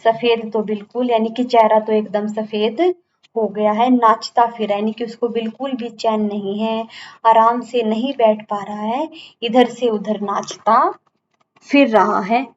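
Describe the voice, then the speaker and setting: A woman's voice: on the high side, fairly even intonation, unhurried, lightly acted. A woman reading the lines of a worried father who describes his son's illness on the phone, in an anxious, explaining manner. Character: worried father of a sick boy. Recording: dull lo-fi recording, faint background hum.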